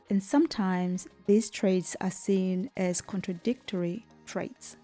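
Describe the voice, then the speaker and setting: Mellow-voiced woman from Tanzania. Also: medium pitch. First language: Swahili. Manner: warm storytelling, frequent "right?" tags. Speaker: business coach. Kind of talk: talking to camera.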